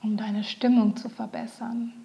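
A woman leading a guided meditation, speaking softly and often in a whisper. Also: a little high, level tone, gravelly. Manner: slow, soft, often whispered.

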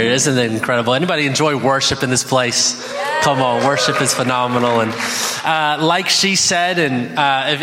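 A young man preaching as a pastor, energetic and calling out to the congregation. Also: medium pitch. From United States. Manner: energetic, calls out to the crowd. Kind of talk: sermon. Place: church hall. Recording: echoey hall with music.

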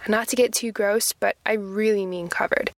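A woman's voice: mid-range voice, fairly even intonation, normal speed, dry recording, studio quality. A young woman from the American Midwest hosting a podcast, reading her script in a chatty, wry, self-mocking way. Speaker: podcast host.

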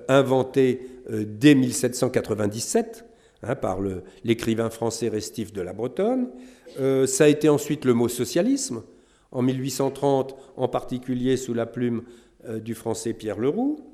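A middle-aged man from France giving a measured academic lecture, pausing often with fillers. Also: mid-range voice, mellow. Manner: measured, many hesitations with euh and hein. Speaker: historian lecturer.

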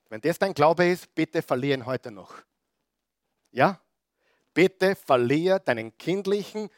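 A man preaching a sermon, throwing rhetorical questions at the congregation and swinging between loud emphatic bursts and quiet asides. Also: on the high side, no echo, studio quality. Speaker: pastor.

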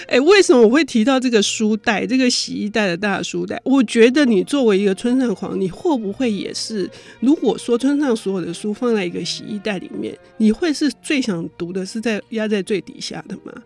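A woman hosting a radio book show, asking her guest leading questions in a lively on-air manner. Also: a little high, brisk, hardly any pauses, faint music behind.

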